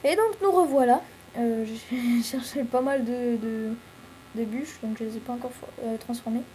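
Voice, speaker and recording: Une jeune femme à l'français commente sa partie de jeu vidéo sur un ton décontracté et bavard, avec beaucoup d'hésitations. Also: female voice, on the high side, level tone, moderate pace, mellow, slight background noise, rough recording. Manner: rambling, chatty, many fillers. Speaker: let's play host. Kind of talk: casual gameplay commentary.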